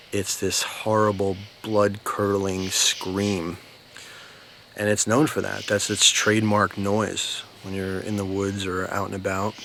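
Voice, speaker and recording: Low-voiced American man spinning a casual yarn. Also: fairly bright tone, a little hiss or hum. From New Jersey, United States. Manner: unhurried, informal, emphatic repetition. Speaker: storyteller, video host. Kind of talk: casual rambling storytelling. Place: outdoors at night near bushes.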